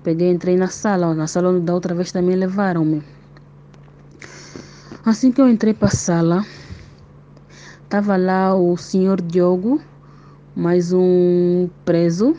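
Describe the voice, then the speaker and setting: A woman recounts events in a steady, detailed voice message. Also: on the low side, slow, pauses often. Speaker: prisoner's wife giving testimony. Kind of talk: recorded voice-message account. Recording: dull lo-fi voice note, faint noise.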